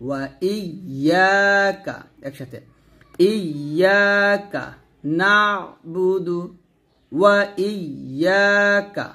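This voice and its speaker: A man with a Bangladeshi Bengali accent teaching recitation step by step, spelling out letters and then chanting each word slowly and drawn out, with quick explanations in between. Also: a little high, fairly bright tone.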